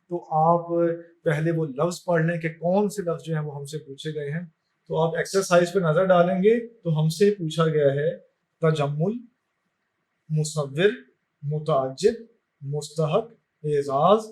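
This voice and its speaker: A male teacher giving a lesson, spelling out vowel marks in a slow, careful dictation. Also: fairly high pitch, darkish tone. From Pakistan. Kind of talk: classroom lesson.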